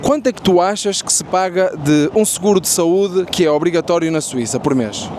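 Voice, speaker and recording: A young Portuguese man with a European Portuguese accent casually interviews strangers on a busy city street as a content creator, chatty and friendly, with many fillers and restarts. His high-pitched voice is a little fast and darkish, with slight background noise.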